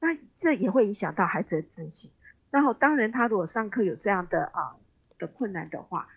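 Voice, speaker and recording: A woman's voice: mid-range voice, animated, brisk, breathy edge, dull audio. A woman with a Taiwanese accent speaking as an expert guest in a radio interview, explaining things conversationally with empathy and the odd English word. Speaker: expert guest, special education professor.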